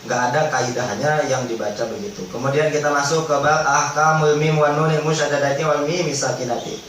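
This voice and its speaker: A man teaching Quran recitation rules in a religious study lesson, explaining in relaxed everyday speech and chanting drawn-out recited examples. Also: fairly high pitch. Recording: echoey hall, distant mic, faint background noise.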